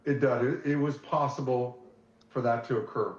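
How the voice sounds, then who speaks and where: A man's voice: mid-range voice, fairly even intonation. Man testifying in a courtroom recording. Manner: short measured answers. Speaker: expert witness. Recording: echoey dull courtroom audio.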